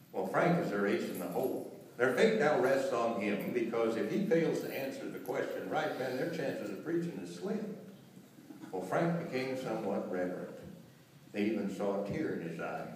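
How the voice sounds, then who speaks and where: A man's voice: mid-range voice, darkish tone. Guy doing live cowboy poetry in a folksy drawl, really echoey room, voice swings up and down a lot. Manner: theatrical rhyming storyteller delivery. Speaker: cowboy poet performing on stage. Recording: roomy echo, distant mic, faint noise.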